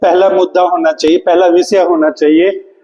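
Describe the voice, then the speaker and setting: Man teaching English for an exam, high voice, flat delivery, echoing classroom. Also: dull audio. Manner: asks questions and answers them himself, repeating key words; reads English question text slowly and deliberately. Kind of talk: classroom lesson.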